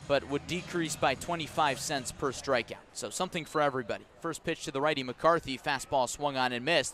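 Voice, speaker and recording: Medium in pitch and fairly bright in tone, a man's voice carries live radio sports commentary. He calls a baseball game from an outdoor ballpark, moving from clipped calls to conversational asides.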